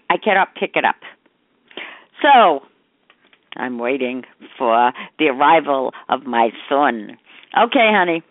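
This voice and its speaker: An older woman leaving casual, rambling phone messages as a mother to her grown child, conversational and scattered, often trailing into half-finished thoughts. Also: lowish voice. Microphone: telephone. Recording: muffled narrow-band phone voicemail.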